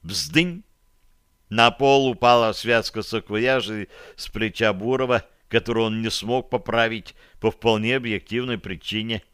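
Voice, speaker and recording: A man reading an audiobook in a measured, even scripted narration. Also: fairly low pitch, smooth, no room sound, studio quality.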